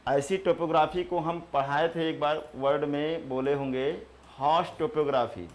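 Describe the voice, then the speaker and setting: A man teaching a geography class, repeating terms slowly for notes and answering his own questions. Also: on the high side, fairly even intonation. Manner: repeats key terms slowly for students to write.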